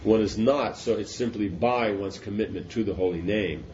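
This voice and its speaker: A man talks through spiritual ideas in a loose, rambling way, circling back and checking that his listeners follow. His voice sits low and mellow. The recording is dull and lo-fi with a faint hiss behind it. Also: normal speed. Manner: rambling, repeats and restarts, asks "does that make sense?". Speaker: spiritual teacher. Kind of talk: informal philosophical discourse.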